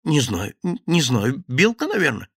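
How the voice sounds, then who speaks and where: A man's voice: a little high, sing-song, normal speed, gravelly, fairly bright tone, no echo, clean studio sound, voice pushed up, exaggerated voice. Man putting on a terrified babbling thief. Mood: pleading. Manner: frantic, babbling, begging. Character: terrified pleading petty thief, adult man.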